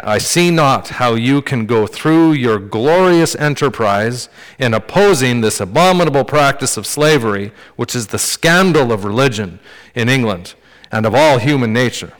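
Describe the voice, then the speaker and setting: A man preaching a sermon in a relaxed, conversational way, joking with the congregation. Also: medium pitch, clear, resonant tone. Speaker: pastor. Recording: long hall reverb.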